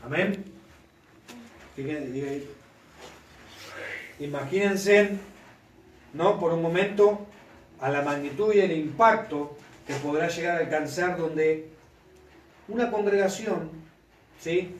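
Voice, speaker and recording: Preacher in an echoey room. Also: male voice, fairly high pitch, slow, long pauses, slight background noise. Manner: asks the congregation for constant confirmation. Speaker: pastor. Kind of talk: sermon. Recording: echoey room, mic at a distance.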